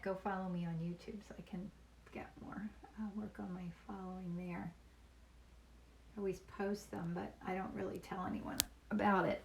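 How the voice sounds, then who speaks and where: Gravelly-voiced woman painter thinking aloud. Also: medium pitch, slight background noise. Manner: thinking aloud, soft and chatty. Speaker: painter demonstrating live. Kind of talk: live painting demo chat.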